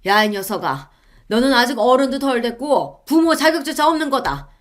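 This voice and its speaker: Harsh scolding old dad, a woman putting on his voice, kinda high. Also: brisk, natural voice. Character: stern angry older father-in-law.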